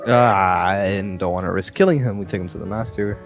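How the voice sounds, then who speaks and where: A young man playing a tabletop game, pushy and quick as he bargains and asks for checks. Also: low-pitched, highs cut off, faint music behind. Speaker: player. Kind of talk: casual tabletop game chat.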